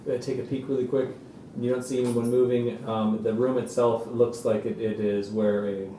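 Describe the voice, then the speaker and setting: Man, game master narrating a tabletop game, halting and full of fillers, mellow voice, distant mic in a roomy space. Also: medium pitch, flat delivery, a little hiss or hum.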